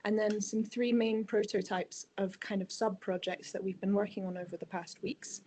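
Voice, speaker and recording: A woman walks through a presentation agenda on a video call. She speaks steadily and methodically at a middle pitch, with a faint hiss of noise behind her. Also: normal speed, low-quality recording. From Scotland. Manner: steady, organized, opens with ums. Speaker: intern presenting a project.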